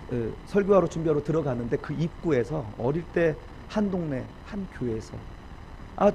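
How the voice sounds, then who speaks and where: A man preaching a heartfelt sermon, his voice gravelly and pitched a little high. He swells into loud, pleading cries at moments. A faint hiss of noise sits behind him. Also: rough recording. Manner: emotional, rising to loud pleading when quoting prayers. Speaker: pastor.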